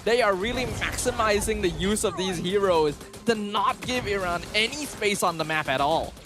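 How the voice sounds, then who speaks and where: Very high-voiced man, emphatic esports analyst. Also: animated, normal speed. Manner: fluent, emphatic, opinionated analysis. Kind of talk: live esports analytical commentary. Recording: music under the commentary. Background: music.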